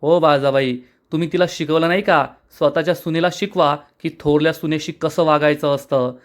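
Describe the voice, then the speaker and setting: A haughty young wife who snaps and sneers at the whole household, as a man reads her lines. Her words come quick and scornful, in a fairly high voice. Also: fairly even intonation, lightly acted. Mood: angry. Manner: snapping and scornful. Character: arrogant young woman, elder daughter-in-law.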